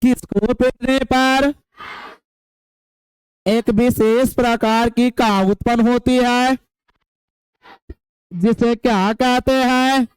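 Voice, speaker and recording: A man's voice: very high voice, steady tone, very slow, long pauses, smooth, no room sound. A young man teaching a class, repeating each definition and quizzing his students with folksy asides. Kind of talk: classroom lecture.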